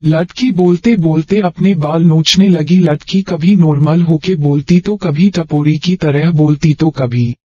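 Mellow man narrating a story. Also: fairly high pitch, unhurried, hardly any pauses, muffled recording. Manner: steady storytelling read. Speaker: audiobook narrator.

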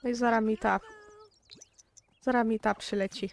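A woman's voice: on the high side, steady tone, normal speed, gravelly. A young woman with a Polish accent giving casual gameplay commentary, chatty and exasperated, talking straight to her viewers. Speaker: gaming YouTuber.

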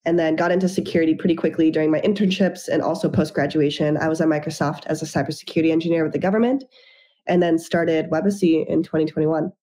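A woman's voice: low-pitched, fairly even intonation, fast, warm tone. A young adult woman, a startup founder, telling her story fluently and upbeat as the guest in an interview over a video call from a room at home. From Japan and the United States. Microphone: video call webcam.

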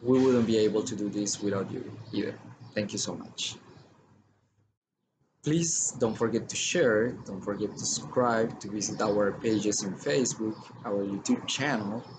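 A man, hosting a casual music chat over a video call, warm and thankful, restarting his words often. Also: lowish voice, measured pace, noisy background. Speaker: host, musician. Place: outdoor patio.

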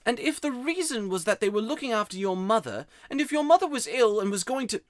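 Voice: medium pitch, big pitch swings, a little fast, no echo, pitched above the performer's own voice, natural voice. A narrator voicing an aggrieved, wound-up young boy with emphatic schoolboy talk, in a children's audiobook. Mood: miserable, wound up. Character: miserable, wound-up, grubby young boy from the country.

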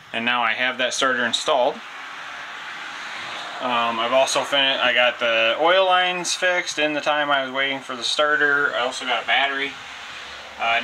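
A man's voice: mid-range voice, sharp tone, a little hiss or hum, rough recording. A man casually narrating his own repair work in a laid-back, rambling way, with fillers as he goes. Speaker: DIY mechanic vlogger. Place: garage and backyard, indoors and outdoors.

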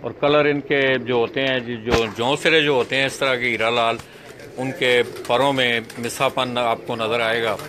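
A man's voice: medium pitch, flat delivery, normal speed, background noise. Man showing pigeons on a rooftop. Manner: addresses viewers as friends, gives short instructions to a helper. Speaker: pigeon fancier vlogger. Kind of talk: explaining to camera, guiding a helper. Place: rooftop pigeon loft outdoors.

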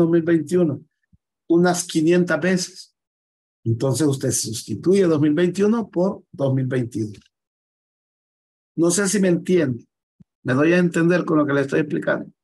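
A man teaching an office software class live, walking students through each step on screen and checking often that they follow along. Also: on the high side, low-quality recording. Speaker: computer skills teacher. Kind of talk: live online class, explaining screen steps.

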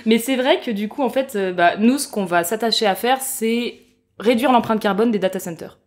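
A woman's voice: a little high, moderate pace. A young woman, a guest engineer, explaining her work in a casual podcast interview at a festival, with many fillers and restarts. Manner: hesitant, many fillers and restarts, laughs easily. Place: festival venue.

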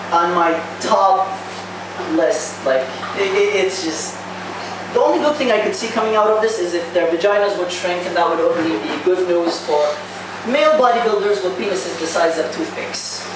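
A young man works through a stand-up set, stumbling over restarts and leaving drawn-out pauses. He talks into a handheld mic in a small bar, but the sound comes from a camera across the room. It is very roomy and distant, with a steady background noise. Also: high-pitched. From Saudi Arabia. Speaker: stand-up comedian. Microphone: handheld mic, recorded by far camera.

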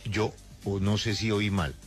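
A man's voice: lowish voice, fairly even intonation, measured pace, soft background music. A man hosting a live radio news discussion, putting questions to colleagues.

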